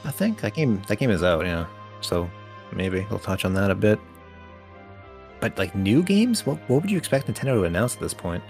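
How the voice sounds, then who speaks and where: A man's voice: fairly low pitch, big pitch swings, moderate pace, gravelly, a little mellow, faint music behind. A man co-hosting a casual chat, sarcastic and swearing often, laughing a lot. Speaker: podcast co-host.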